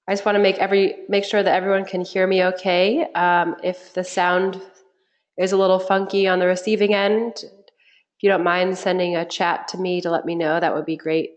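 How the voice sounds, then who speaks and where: Woman, nasal from a cold, lowish voice, friendly webinar host, echoey room over a web call. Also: little pitch movement, moderate pace. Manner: friendly, chatty, frequent ums. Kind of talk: live webinar presentation. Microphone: computer mic on a web call.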